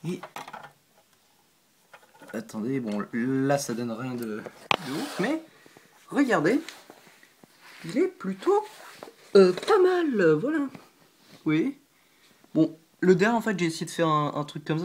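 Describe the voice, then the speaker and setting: A man talks through his handmade models in a casual vlog, halting and chatty, with fillers tumbling between phrases. He sounds self-deprecating, apologizing as he handles things near the camera. The recording is a simple camera mic in a room at home, with a faint hiss behind. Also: a little high. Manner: hesitant and chatty, frequent 'euh', 'hop' and 'voilà' while handling pieces. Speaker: LEGO builder showing his models. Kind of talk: casual show-and-tell vlog.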